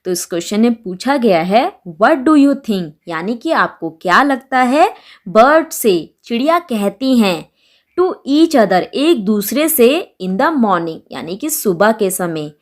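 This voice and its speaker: A woman's voice: a little high, very animated, takes it slowly. A woman teacher reciting a children's poem in a sing-song way and explaining it word by word.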